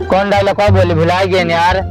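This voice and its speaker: A man's voice: high-pitched, little pitch movement, brisk, music in the background, rough recording. A man with an Awadhi accent performing a village comedy sketch, whiny and pleading. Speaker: comic actor.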